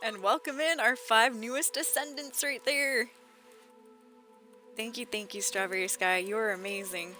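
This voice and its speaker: A woman's voice: a little high, a little slow, bright, forceful tone. A woman doing casual, playful live commentary as a game streamer, with music in the background.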